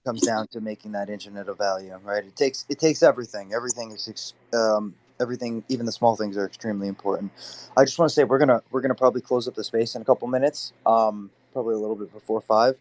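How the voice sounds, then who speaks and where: A man's voice: fairly low pitch, fairly even intonation, fast talker, a little mellow, poor audio. A man hosting a casual online community voice chat. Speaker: host of community audio space.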